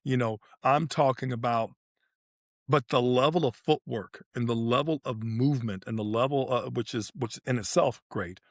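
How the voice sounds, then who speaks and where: A medium-pitched man speaking at normal speed co-hosts a sports podcast, where he dissects tennis play in relaxed conversation and repeats phrases for emphasis. The recording is dry, with clean studio sound.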